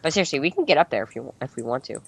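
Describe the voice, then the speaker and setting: A man's voice: medium pitch, expressive, racing, gravelly, slightly rough. A teenage boy playing Minecraft with friends, goofing around with silly jokes. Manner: goofy, giggly joking. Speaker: Minecraft let's-play player. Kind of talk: casual gaming banter.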